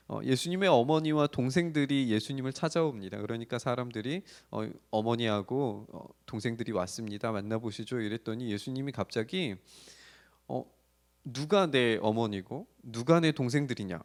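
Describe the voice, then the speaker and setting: A man preaching a sermon for an online church service, retelling a Bible story in an animated storytelling manner. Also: a little high. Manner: animated storytelling, acting out the disciples' cries. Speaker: pastor.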